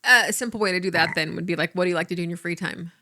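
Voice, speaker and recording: A woman co-hosts a dating podcast in relaxed, teasing chat and laughs easily. Her bright, crisp voice is recorded dry and close to the mic. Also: fairly low pitch, rapid-fire, no echo. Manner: easygoing, teasing, laughs often. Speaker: podcast co-host, dating coach. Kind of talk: casual chat.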